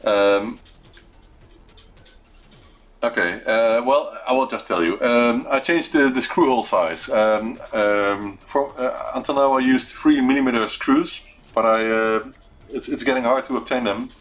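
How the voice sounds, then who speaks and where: A man's voice: medium pitch, a little slow. A man with a Dutch accent hosting an unscripted livestream chat, hesitant and searching for words as he talks. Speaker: host of a weekly retro computing live show.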